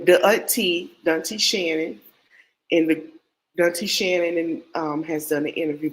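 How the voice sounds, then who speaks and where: Poor audio captures a low-voiced woman hosting a laid-back true-crime podcast while congested with a cold. She wanders off topic, says things twice, and talks right to the people watching.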